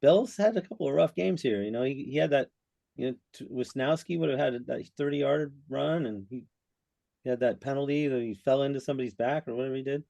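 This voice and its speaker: A man on a football podcast talks in a relaxed, laid-back way, tossing in man as he goes. His voice is mellow and dark, and he speaks quickly. The sound is dry and close. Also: medium pitch, vocal fry, no room sound. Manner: relaxed, says man a lot. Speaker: podcast co-host. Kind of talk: casual sports chat.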